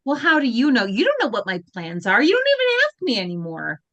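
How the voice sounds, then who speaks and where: A woman with a fairly high voice reads quickly as the lead teenage girl in a live video-call read-through, the recording muffled through her call microphone. Lively throughout, she alternates whiny protest with grand recital and stops to laugh when she slips.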